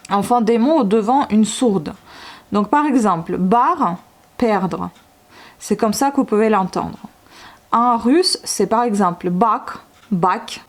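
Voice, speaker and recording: A woman's voice: mid-range voice, darkish tone. A woman who is a native Russian speaker explains the Russian alphabet in a casual lesson, with many fillers and restarts. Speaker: Russian language teacher.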